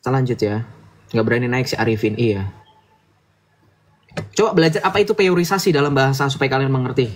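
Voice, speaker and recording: A man hosts a casual livestream. He talks at a middle pitch in a chatty, lecturing way and keeps asking his listeners to agree. He speaks into a streaming mic. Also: quick pace, long pauses. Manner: chatty, lecturing, asks "betul nggak?" often. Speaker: livestream host.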